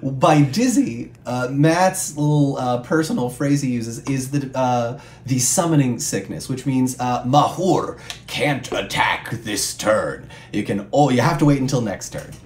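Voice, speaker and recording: A man in a casual chat, calmly walking a co-player through card game rules with playful asides. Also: medium pitch, a little slow, hardly any pauses. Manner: clear, patient rule explanations with playful asides. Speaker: guest co-player explaining the rules. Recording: echoey room with faint background hum.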